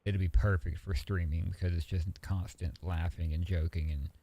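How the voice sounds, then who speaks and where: Gravelly low-voiced man chatting casually. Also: normal speed. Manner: relaxed, rambling, swears freely. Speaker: streamer. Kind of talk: casual stream chat.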